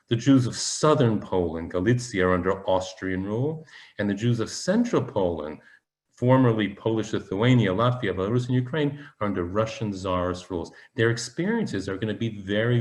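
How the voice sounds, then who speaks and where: Man, mid-pitched voice, history lecture, explanatory, frequent fillers and restarts. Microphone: webinar presentation.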